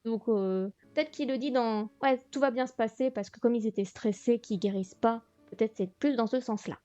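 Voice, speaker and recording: A woman's voice: on the high side, moderate pace, warm tone, dry recording. A woman teaching a beginner language class on a livestream, thinking aloud with lots of fillers. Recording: dull lo-fi stream audio, faint music.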